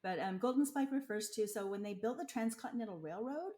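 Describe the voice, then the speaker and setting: A woman's voice: fairly high pitch, fairly quick, warm tone. A woman from Utah chatting casually and explaining local words, with lots of fillers and frequent laughs. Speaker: local guest explaining slang. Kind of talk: casual chat.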